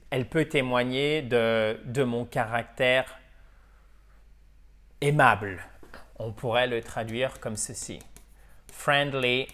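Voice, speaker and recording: Switching back and forth between French and English, a male teacher runs a video lesson on English pronunciation, repeating words and checking in with "ok?". His voice is mid-range and a bit bright.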